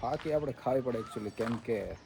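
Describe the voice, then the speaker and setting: A man's voice: medium pitch, normal speed, vocal fry, warm tone, a little hiss or hum. A young man with a Saurashtra Gujarati accent vlogging casually, playful and teasing. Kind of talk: casual family vlog.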